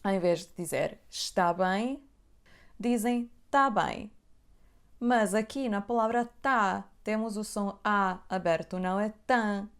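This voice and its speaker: A woman with a European Portuguese accent gives a pronunciation lesson, speaking very slowly and shaping every word with care. Her voice is smooth and resonant, with a gravelly edge of fry at the ends of phrases. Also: medium pitch. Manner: careful, deliberate enunciation with repeated examples. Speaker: language teacher. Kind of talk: slow, clear pronunciation lesson.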